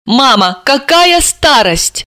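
A woman's voice: high-pitched, big pitch swings, slow pace, bright, forceful tone, dry recording, clean studio sound, voice pushed up, full character voice. A woman voicing a teasing, sarcastic daughter in her thirties who mocks her mother. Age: 30s.

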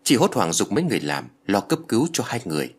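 A man narrating a ghost story with a dramatic, expressive reading. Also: on the low side, fast talker, husky.

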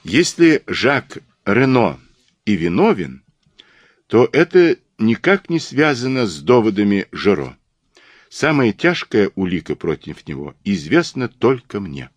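Man voicing a shrewd older detective, soft and measured, knowing tone, very low voice, lively intonation. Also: slightly rough, dry recording, full character voice. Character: shrewd, gentle older male Belgian detective.

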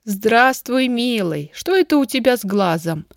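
A woman voicing an older, affectionate and excitable grandmother who asks eager questions. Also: fairly high pitch, measured pace, creaky, no room sound, clean studio sound, pitched above the performer's own voice.

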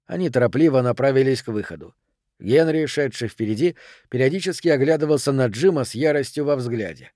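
A man's voice: medium pitch, lively intonation, fairly quick, darkish tone, no echo. Man reading an audiobook, dry and close. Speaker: audiobook reader. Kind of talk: scripted narration.

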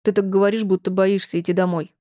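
A woman voicing a young man in love who pleads earnestly and slowly. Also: medium pitch, level tone, mellow, natural voice.

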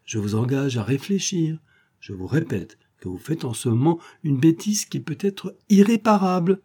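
A man reading an audiobook, voicing a cool-headed sly sleuth who speaks calmly with amiable mockery. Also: a little high, normal speed, husky, pitched above the performer's own voice. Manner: calm, amiable, gently mocking. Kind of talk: audiobook character voice.

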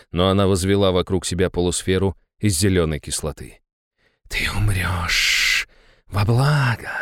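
A man narrating a first-person fantasy audiobook in an even, measured way, close to the mic. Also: deep voice, smooth, no echo.

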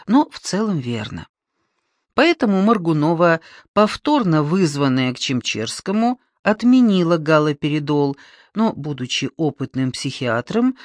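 A narrator reading a novel aloud in an expressive storytelling manner. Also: mid-range voice, no room sound, studio quality. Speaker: audiobook narrator. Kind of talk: scripted audiobook narration.

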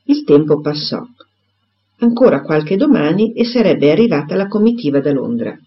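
A man narrating a classic novel as an audiobook, with expressive storytelling. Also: fairly high pitch, moderate pace. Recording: dull lo-fi recording.

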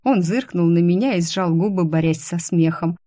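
A woman narrating a first-person audiobook in a wry, lively storytelling manner. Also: fairly low pitch, normal speed, no echo, clean studio sound.

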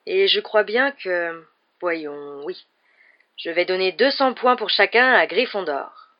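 A wise old wizard headmaster, calm and kind, taking his time over each phrase, as an audiobook reader puts him on. The sound is dull and lo-fi, like an older audiobook recording. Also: medium pitch, slow, natural voice. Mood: kindly.

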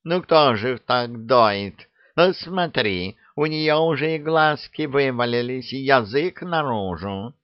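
A man's voice: mid-range voice, lively intonation, takes it slowly, hardly any pauses, no echo, pitched above the performer's own voice. A man voicing a servile, fawning male cat who talks in a wheedling way, in a dull, dry recording. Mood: sly. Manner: obsequious, wheedling.

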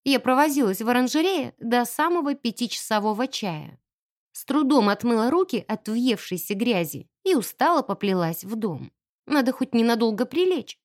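A woman narrating a first-person audiobook in an expressive, wry storytelling manner. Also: on the high side.

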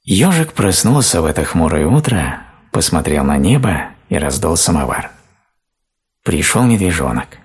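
Deep low guy reading a bedtime fairy tale, husky voice, slow and gentle. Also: very animated. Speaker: narrator. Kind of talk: calm storybook reading.

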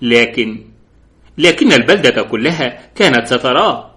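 A man's voice: medium pitch, lively intonation, normal speed, pushed and bright. A man voicing a cautious, rule-bound male police inspector who raises respectful objections. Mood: doubtful.

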